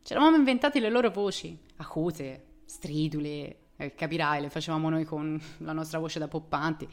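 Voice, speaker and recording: A woman voicing an irreverent adult brother who teases with a brash, mocking manner, raised a little above her usual low voice. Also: moderate pace, close to an everyday voice. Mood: teasing. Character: teasing adult younger brother, joking and irreverent.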